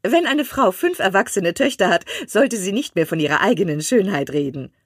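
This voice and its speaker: A fussy, excitable mother pushes her husband in shrill, breathless bursts, as a woman reads her in an audiobook. Her voice leaps high and swoops widely, with a husky grain. The recording is dry and close. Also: normal speed, no echo. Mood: excited, insistent. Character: fussy excitable middle-aged mother, matchmaking. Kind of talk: audiobook reading.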